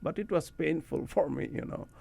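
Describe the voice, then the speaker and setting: A middle-aged man from Bangladesh with a Bangladeshi accent, a guest in a radio studio interview, telling rambling, relaxed stories and often laughing. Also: on the high side, normal speed, creaky, slightly rough. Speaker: guest academic. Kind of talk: casual interview talk.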